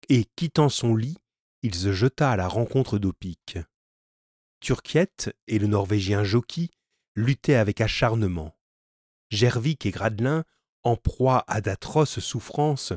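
Low-voiced male audiobook narrator. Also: darkish tone, no room sound, clean studio sound. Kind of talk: storybook reading of a classic novel.

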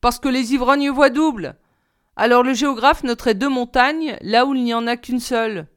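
A woman's voice: a little high, normal speed, smooth, close to an everyday voice. A woman voicing a self-important old male geographer in an audiobook reading, speaking in a formal, lecturing way.

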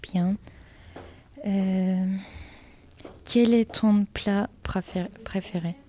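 Slow, soft-toned woman interviewer. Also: mid-range voice, fairly even intonation. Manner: brief, scripted questions. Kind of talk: school interview.

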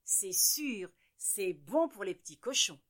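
A carefree little piglet from a storybook, giggling and delighted, with a bright and fairly high voice that moves slowly, as a woman storyteller puts him on. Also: big pitch swings, exaggerated voice. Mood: gleeful. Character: cheerful little male piglet who loves mud.

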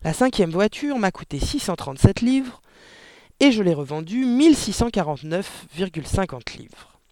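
A man's voice: high-pitched, sing-song, normal speed, no echo, pitched above the performer's own voice. A man voicing a boastful, bullying middle-aged father in an audiobook story. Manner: bragging, then shouting in anger.

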